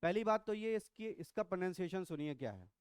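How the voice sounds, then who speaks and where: Middle-aged male biology teacher, high smooth voice, playful and quizzing. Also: animated, fairly quick, a little mellow, no room sound, studio quality. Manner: teasing, quizzing students, mixes English into Hindi. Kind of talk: classroom lecture. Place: classroom.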